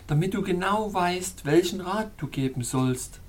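A woman's voice: lowish voice, expressive, a little slow, a little mellow. A woman voicing a sorrowful, anxious young fairy princess in a storybook reading, with a pleading, tremulous murmur. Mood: solemn.

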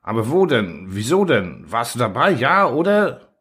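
A man reading a hungover, self-pitying and somewhat pompous man stuck in bed, in a plaintive, higher voice. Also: very animated, normal speed, a bit bright, slightly rough. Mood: querulous.

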